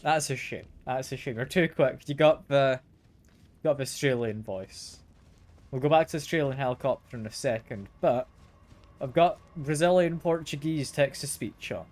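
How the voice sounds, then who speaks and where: A man with a mid-range, darkish-toned voice speaks at normal speed while streaming a video game. He's slightly ill and congested, keeps up casual gameplay commentary with frequent repeated words, and game music plays underneath.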